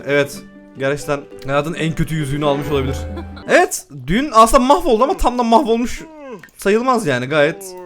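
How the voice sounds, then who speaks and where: A young man giving loud, excitable commentary while playing a life-simulation game, laughing and exclaiming often. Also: on the high side. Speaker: gaming YouTuber. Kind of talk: excited let's-play commentary.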